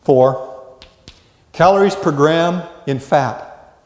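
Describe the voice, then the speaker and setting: Speaking extremely slowly, an older American man lectures a college class with folksy charm and plenty of rhetorical questions. His voice sits a little high with a darkish tone. Long reverb fills the big lecture hall or classroom.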